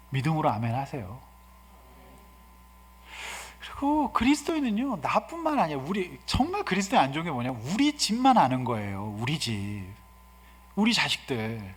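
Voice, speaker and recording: A man in his fifties, a guest pastor preaching a sermon, swinging from soft asides to loud exhortations. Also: high voice. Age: 50s. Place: church sanctuary. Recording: hall reverb in a church.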